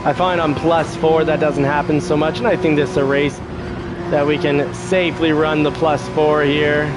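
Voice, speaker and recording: A man giving casual commentary while playing a racing game, chatty and thinking aloud, getting excitable when he crashes. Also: a little high, normal speed. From Canada. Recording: audible car game noise behind voice. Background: racing game car sounds.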